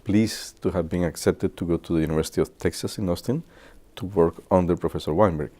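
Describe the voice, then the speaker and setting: A man in his sixties from Guatemala, speaking English, shares memories with students in a halting way, full of filler pauses. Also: sits low, mellow. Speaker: physicist. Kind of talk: reminiscing talk to students.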